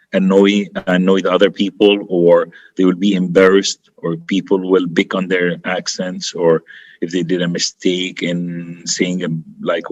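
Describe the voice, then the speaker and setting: A man with an Egyptian accent speaks as an interview guest in a fairly low voice. His delivery is conversational, emphatic and encouraging, with phrases repeated to drive them home. The sound is close and dry. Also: dry recording, low-quality recording. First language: Arabic. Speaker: interview guest, politician and teacher.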